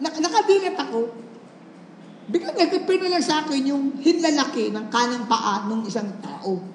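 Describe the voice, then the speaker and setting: A man, a pastor, preaching a sermon with animated storytelling, mixing in English phrases and laughing often. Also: very high voice. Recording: echoey hall with faint background noise.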